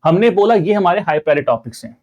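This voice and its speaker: A man's voice: high-pitched, lively intonation, racing, a little mellow, muffled recording. Indian man teaching an exam-prep lecture. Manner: explanatory, addresses viewers as friends, mixes English terms. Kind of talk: online lecture.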